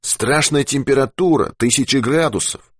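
A man voicing an excitable, feverish adult male geologist in an audiobook who rambles and shouts. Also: mid-range voice, normal speed, slightly rough, no echo, studio quality, pitched above the performer's own voice, close to an everyday voice. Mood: uneasy.

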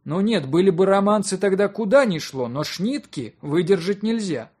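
A man's voice: high-pitched, expressive, normal speed, a little mellow, husky, voice pushed up. Man voicing a grumbling village elder. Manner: plain, chatty, complaining. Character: weary middle-aged male village elder, grumbling.

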